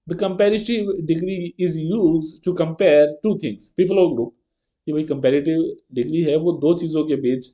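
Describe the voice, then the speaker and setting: Guy teaching grammar, keeps checking in, reads examples real slow, kinda high but mellow voice. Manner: explains step by step and keeps checking with a rhetorical "है ना"; reads English example sentences slowly and carefully. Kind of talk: exam-prep grammar lesson.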